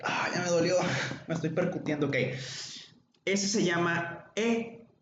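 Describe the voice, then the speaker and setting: A man's voice: high-pitched, a little slow, background noise. Mexican guy lecturing med students, jokey, keeps asking them stuff, kinda muffled lo-fi sound. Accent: Mexican Spanish. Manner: chatty, joking, questions students by name. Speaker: medical lecturer. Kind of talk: informal online class. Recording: echoey, dull lo-fi room recording.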